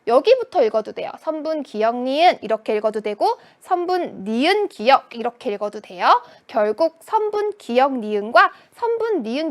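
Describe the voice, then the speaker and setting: A woman teaching a children's math lesson, asking questions and answering them in a playful voice. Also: sits high. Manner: sing-song, questions and answers to herself.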